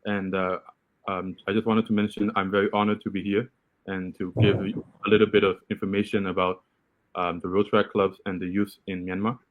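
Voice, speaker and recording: A man speaking as a panel guest, polite and formal with hesitant pauses, recorded through a thin, phone-like connection. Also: low voice, level tone. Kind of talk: formal self-introduction on a live-streamed panel. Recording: thin phone-like call audio.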